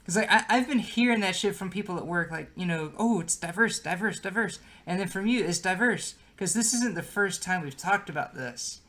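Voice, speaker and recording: A man's voice: high-pitched, lively intonation, a little fast, hardly any pauses, fairly bright tone. A young man co-hosting a podcast, rambling casually with lots of fillers and swearing. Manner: rambling, filler-heavy, profane. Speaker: podcast co-host. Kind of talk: casual chat.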